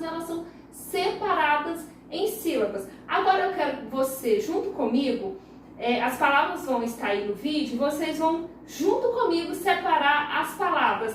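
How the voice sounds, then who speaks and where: Recording a lesson for small children, a Brazilian Portuguese-accented primary teacher patiently stretches words out one syllable at a time. Her voice sits high. She stands far from the mic in a very echoey room, with slight background noise.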